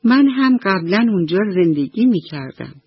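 A woman voicing an excitable young puffer fish who tells fanciful stories. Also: lowish voice, breathy edge, no room sound, muffled recording, heavily acted. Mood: eager. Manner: eager, boastful, insistent.

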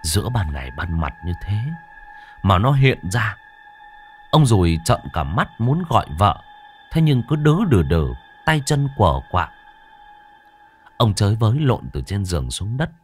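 A man narrating a ghost story in a dramatic, expressive storytelling manner. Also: fairly low pitch, a little slow, long pauses, faint music behind.

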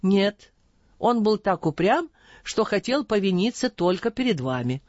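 A corrupt older judge, acted by the audiobook reader, cornered and evasive under questioning. His voice swings between hushed and shrill. The sound is muffled and dry. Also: sing-song, unhurried, no room sound. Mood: timid. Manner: timid, evasive.

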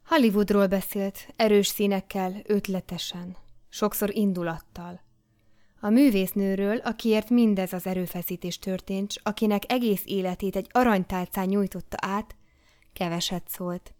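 Woman reading memoir audiobook, steady and expressive, middle pitch. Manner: measured, expressive storytelling. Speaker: audiobook reader. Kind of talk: scripted memoir narration.

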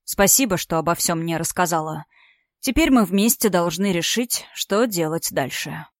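Woman doing a calm, consoling young man. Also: fairly low pitch, dry recording, clean studio sound. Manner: measured, consoling, a little husky. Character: calm, steady young man, comforting and determined. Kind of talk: audiobook character voice.

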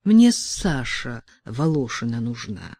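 A woman's voice: on the low side, sing-song, slow pace, a little mellow, dry recording, studio quality, full character voice. A woman voicing an awkward, polite man who speaks in a subdued, apologetic way.

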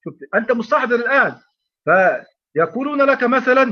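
Egyptian male sheikh, quick emphatic lecturer, repeats himself, dull online recording. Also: very high-pitched, lively intonation. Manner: emphatic, repeats phrases, rhetorical questions. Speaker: sheikh teaching Quran readings.

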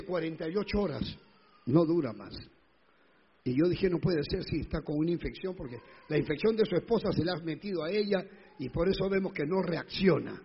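A male pastor telling a personal testimony in a sermon, emotional and rising to loud pleading. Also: on the high side, gravelly, husky, muffled recording.

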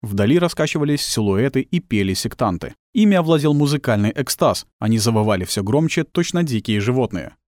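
A man narrating an audiobook in a tense, expressive storytelling manner. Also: mid-range voice, fairly quick, few pauses, no echo. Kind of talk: dramatic scripted narration. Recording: dry close studio sound.

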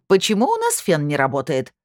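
A woman's voice: deep voice, very animated, a little fast, no room sound, studio quality. A woman reading an audiobook, voicing an imperious, grumpy older woman who snaps and barks. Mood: indignant. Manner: loud, snapping, indignant.

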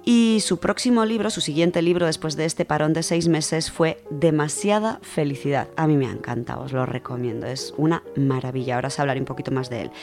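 With few pauses and a brisk delivery, this Spanish-accented woman, her voice low and a little mellow, talks enthusiastically in a radio book segment, accompanied by background music under her voice.

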